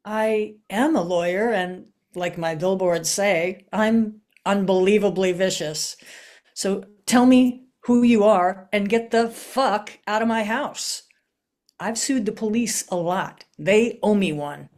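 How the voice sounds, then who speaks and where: Woman doing a cynical lawyer, brash, deadpan, slow delivery, middle pitch. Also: close to an everyday voice. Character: vicious cynical female billboard lawyer. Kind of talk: improvised comic scene reading. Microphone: video call.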